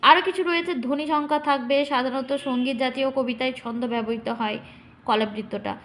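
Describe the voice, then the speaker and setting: A woman teacher explaining poetic meter to students, speaking to them directly and drawing out syllables slowly to demonstrate. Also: high voice, steady tone, fairly bright tone, a little hiss or hum. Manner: addresses students directly, checking understanding.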